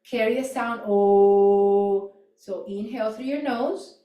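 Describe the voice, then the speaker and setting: A woman gently guiding a yoga and mindfulness class, cueing neck movements, voice exercises and breathing in a calm way with soft trailing endings. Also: on the high side, normal speed, recorded from a distance, lo-fi sound. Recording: echoey room, voice off-mic.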